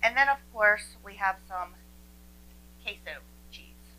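A woman's voice: medium pitch, takes it slowly, sharp tone, slight background noise, poor audio. A woman in her forties hosting a cooking show from a home kitchen, chatting and sharing tips as she cooks. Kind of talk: casual cooking demonstration.

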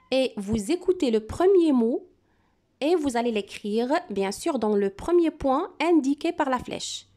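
A woman teacher leads a dictation in a slow, deliberate way, repeating each word twice so children can write it down. Her voice sits a little high and mellow, and it rises and falls a lot as she stresses the syllables. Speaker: primary school teacher. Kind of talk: classroom dictation lesson.

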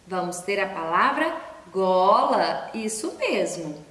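Slow, patient woman teacher in echoey room. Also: mid-range voice, sing-song, fairly bright tone. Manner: slow, patient, spells out letters and syllables; asks questions and answers them herself. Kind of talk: recorded online class for young children. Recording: echoey room, distant from mic.

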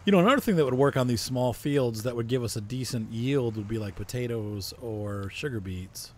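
A man's voice: medium pitch, a little fast, a little mellow, a little hiss or hum. A man casually talking through a farming simulator playthrough, thinking aloud with frequent fillers. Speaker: gaming video host. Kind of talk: casual farming-sim commentary.

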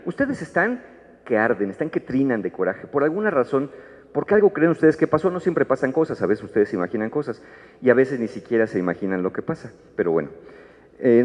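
Man, mexican accent, humorous book talk, acts out bits of dialogue, live event in a big hall, long reverb, muffled sound. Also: mid-range voice. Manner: playful, acts out little dialogues in changing voices. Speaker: author presenting his book. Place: large hall at a book fair. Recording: dull echoey hall recording.

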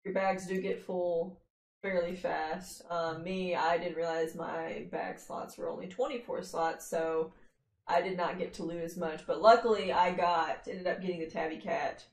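A woman's voice: on the low side, steady tone, a little slow. A young woman streaming from home, casually explaining her game loot with a few fillers. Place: home room, indoors. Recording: echoey room.

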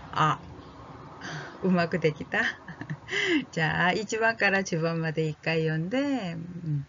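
A woman teaching a friendly language lesson, slowly drilling vowels aloud and checking on her learners in a casual way. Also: low voice, highs cut off, a little hiss or hum. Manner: casual and friendly, with fillers like "ano". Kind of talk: slow, gentle language lesson.

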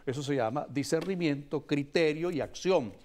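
A man's voice: a little high, moderate pace, darkish tone. A man in his sixties, a priest on a TV panel, speaking emphatically, almost preaching, in a heated debate. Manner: emphatic, preaching, gestures broadly. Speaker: priest guest. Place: TV studio. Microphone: lapel.

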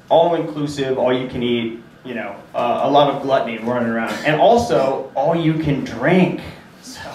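A young man doing excitable, crude stand-up storytelling on a comedy club stage. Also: mid-range voice, slight background noise. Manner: excitable, crude, laughing through the telling. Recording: roomy club sound from a distance.

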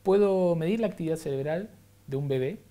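Hombre rioplatense que explica con calma. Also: male voice, a little high, brisk. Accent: Rioplatense Spanish. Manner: didactic, uses examples and rhetorical "¿no?". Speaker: scientist guest. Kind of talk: explanatory interview talk.

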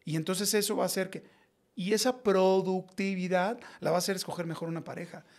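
High gravelly Mexican man telling stories. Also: fairly quick. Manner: animated storyteller, slangy and blunt. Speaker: podcast guest. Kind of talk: casual podcast conversation.

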